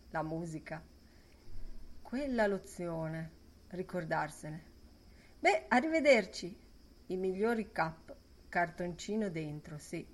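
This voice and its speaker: A woman reading a novel aloud as an audiobook narrator, in lyrical, fragmented phrasing. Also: on the low side.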